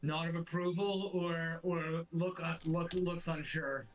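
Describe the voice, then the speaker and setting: A man's voice: on the high side, steady tone, measured pace, soft background music, low-quality recording. A man playing a tabletop game, asking the game master questions and stumbling over his words. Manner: hesitant, repeats words. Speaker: player.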